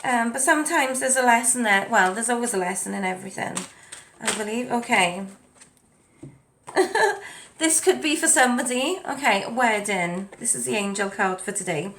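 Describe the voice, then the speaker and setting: Seated at a home setup with a ring light and a desk mic, a tarot and oracle card reader gives a casual spiritual reading, full of ums and you knows as she reads the card texts aloud. Her chatty voice is a little high and a bit bright, with lively intonation and normal speed. A little hiss or hum sits in the background.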